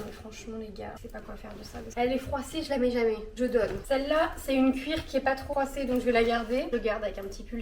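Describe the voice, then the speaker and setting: A woman in her thirties, ill and with a rough, rusty voice, chatting in a casual, indecisive and self-mocking way as she sorts her clothes at home. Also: a little high, reverberant. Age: 30s. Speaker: lifestyle vlogger. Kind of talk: casual chat sorting clothes.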